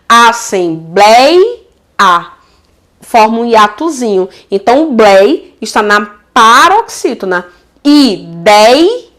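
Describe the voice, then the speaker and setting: Lively Brazilian woman teaching grammar. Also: on the high side. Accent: Brazilian Portuguese. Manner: lively and affectionate, checks in with frequent "tá certo?"; stretches out example words slowly. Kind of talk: casual video lesson.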